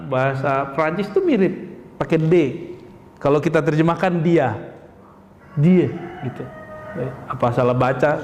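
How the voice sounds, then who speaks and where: A male Islamic preacher giving a conversational sermon, asking the congregation rhetorical questions and calling them Pak. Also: a little high. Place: mosque. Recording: echoey mosque hall with long reverb.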